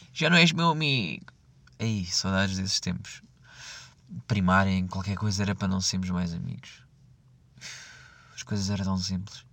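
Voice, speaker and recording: A man's voice: deep voice, vocal fry, dry recording. A young man with a European Portuguese accent hosting a casual solo podcast, joking at himself and breaking into mock voices. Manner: animated, self-mocking, quick asides and mock voices. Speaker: podcast host. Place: quiet room at night.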